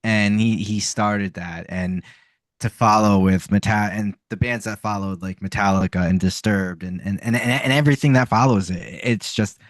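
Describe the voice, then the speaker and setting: A man co-hosting a casual podcast, speaking earnestly and haltingly with many ums. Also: lowish voice, fairly even intonation, no echo. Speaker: podcast co-host. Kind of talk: casual sports chat.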